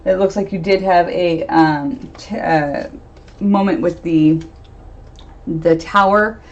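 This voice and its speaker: A woman's voice: lowish voice, takes it slowly. A woman doing a casual live-stream tarot reading, chatty, laughing often and trailing off into fillers. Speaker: medium and tarot reader. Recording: dull lo-fi stream audio.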